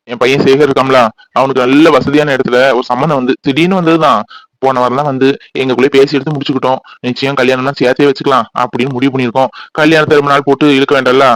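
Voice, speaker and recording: A man voicing a fast-talking remorseful village elder brother. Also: medium pitch, no room sound, lightly acted, low-quality recording. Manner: earnest, explanatory, then pleading apology. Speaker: cartoon voice actor. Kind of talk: animated family drama.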